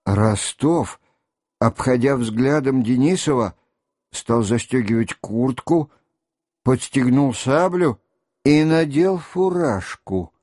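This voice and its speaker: A man reading a classic novel aloud in measured, scripted narration. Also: mid-range voice, lively intonation, darkish tone, dry recording, clean studio sound. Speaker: audiobook narrator.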